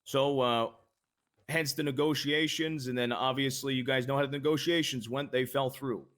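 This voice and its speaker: A man's voice: medium pitch, fairly even intonation, brisk, a bit bright. A man playing a senator in a game role-play, answering a crowd's questions bluntly, swearing and stammering on restarts. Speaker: senator in a roleplay briefing.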